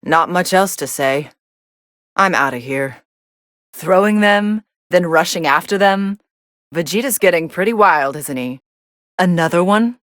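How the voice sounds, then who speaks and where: Android 18, dry and unimpressed. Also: female voice, fairly low pitch, lively intonation, a little slow, a bit bright, no echo. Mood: dry, mildly impressed. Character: cool, sardonic young female android fighter commentating matches. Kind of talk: English anime game voice acting, match commentary.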